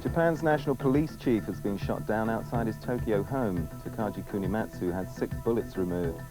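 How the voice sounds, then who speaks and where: A man with a fairly low voice reads a scripted news and weather bulletin. A very loud music bed with percussion runs behind him. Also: fairly quick, poor audio. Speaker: newsreader.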